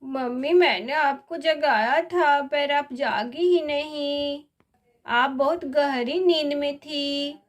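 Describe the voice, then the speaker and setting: A woman's voice: high-pitched, slow pace. A woman voicing a frightened little girl who stammers and wails for her mother in a doll story. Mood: timid. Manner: stammering, wailing cries.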